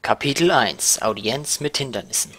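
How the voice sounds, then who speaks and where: A man's voice: mid-range voice, expressive, moderate pace. A man giving casual game commentary as a Let's Play host.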